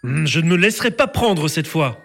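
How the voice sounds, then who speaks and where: A woman's voice: big pitch swings, moderate pace, gravelly, soft background music, full character voice. A woman voicing a greedy, scatterbrained young male rooster who shrieks for help. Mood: defiant. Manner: shrill cries for help.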